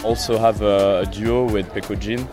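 A musician from Sierra Leone chatting in a relaxed, easygoing way outdoors by a river, with fillers. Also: male voice, lowish voice, moderate pace, over music. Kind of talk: casual chat.

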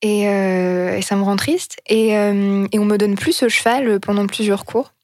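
A woman telling a personal story in an earnest, halting way, often pausing to search for words. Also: mid-range voice, steady tone, a little mellow, no echo, studio quality.

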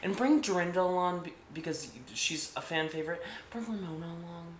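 A man co-hosting a podcast, teasing and joking in a casual, animated chat. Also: on the high side, brisk, reverberant, slight background noise. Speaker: podcast co-host.

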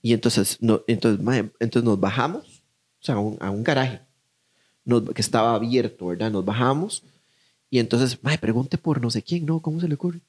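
A man's voice: mid-range voice, normal speed. A young man with a Costa Rican accent telling a story in casual chat, acting out voices as he goes.

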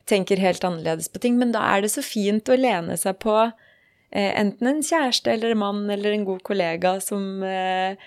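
A woman hosts a casual podcast chat in a mid-pitched voice. She talks in a chatty way, adding personal asides and laughing easily. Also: a little mellow. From Norway. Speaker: podcast host.

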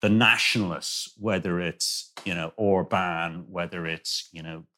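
Low-voiced man, emphatic and halting. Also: sharp tone. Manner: emphatic, repeats phrases, halting self-interruptions. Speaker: guest author. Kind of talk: conversational discussion.

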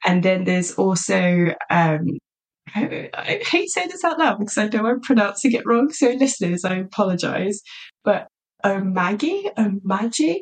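A woman's voice: medium pitch, expressive, normal speed. A woman co-hosting a podcast, chatting casually and eagerly, with lots of "like" in her speech. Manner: chatty and enthusiastic, peppered with "like". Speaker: podcast co-host. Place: lives in a small market town in south-west England.

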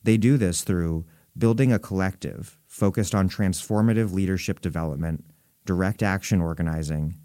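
A man's voice: low voice, normal speed, warm tone, dry recording, clean studio sound. A man reading a scripted introduction as the host of a podcast.

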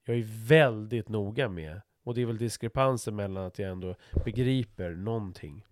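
A man's voice: lowish voice, dry recording, clean studio sound. A middle-aged man talking frankly in a casual conversation, swearing freely and restarting his sentences as he thinks aloud.

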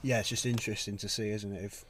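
A man's voice: fairly low pitch, fairly even intonation, fast talker, slight background noise. A British man co-hosting a casual sports podcast in a car park, talking informally and a little hesitantly. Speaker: podcast co-host. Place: car park, recording on location.

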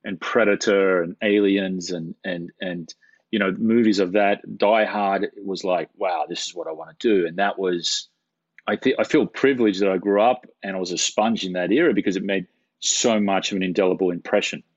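Man, middle-aged, low voice, rambling anecdotes, repeats himself, muffled dry recording. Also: steady tone, moderate pace, no echo. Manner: rambling, repeats words, self-deprecating humor. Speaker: camera operator guest. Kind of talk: casual interview storytelling. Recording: dull, dry, lo-fi sound.

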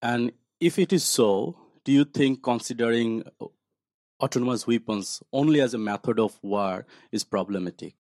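A man's voice: mid-range voice, normal speed, a little mellow, no echo, clean studio sound. A man from Bangladesh in a seminar audience, asking a question carefully and hesitantly.

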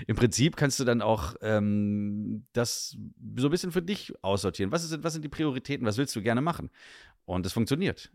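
A man's voice: fairly low pitch, creaky, a little mellow, no echo, clean studio sound. A young man from northern Germany, a guest chatting casually in an interview, rambling with many fillers.

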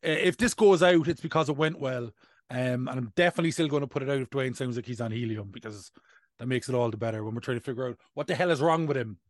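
A man's voice: mid-range voice, fast talker, dry recording, clean studio sound. A man in his thirties with an Irish accent, hosting a casual comedic podcast in a playful, self-mocking way. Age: 30s. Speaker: podcast host.

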